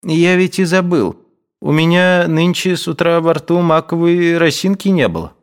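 A man's voice: on the high side, moderate pace, smooth, voice pushed up, natural voice. A man voicing a pleading, lovesick male manservant who whines and implores. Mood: timid. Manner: whining, imploring.

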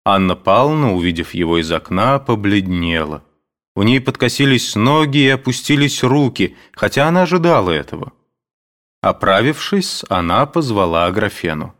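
Guy narrating an old novel, lively up-and-down voice, measured. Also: lowish voice. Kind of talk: audiobook reading of classic prose.

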